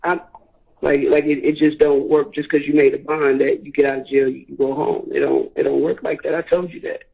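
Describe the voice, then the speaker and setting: A man's voice: on the high side, flat delivery, brisk, gravelly. A man, an officer, talking on a payphone call, bluntly explaining and repeating himself. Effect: heard over a payphone call line. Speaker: law enforcement officer. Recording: tinny phone line.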